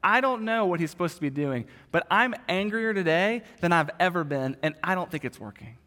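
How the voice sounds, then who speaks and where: A man's voice: high voice, animated, brisk, sharp tone. A man preaching a sermon, voicing an angry farmer husband in a story with raised, exasperated force. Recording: long reverb of a large hall.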